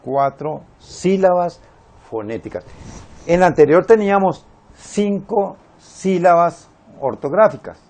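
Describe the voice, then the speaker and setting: A man teaching a Spanish grammar lesson, explaining syllables slowly and counting them out step by step. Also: sits high, animated, darkish tone.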